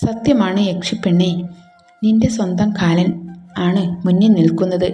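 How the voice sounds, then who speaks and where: A possessive young husband in a romance story teases his new wife in a mellow, playful voice, as a woman reads him. The room echoes around the voice. Faint music plays underneath. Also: on the low side, steady tone, normal speed, lightly acted. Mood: tender. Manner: teasing, playful. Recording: roomy echo, faint music.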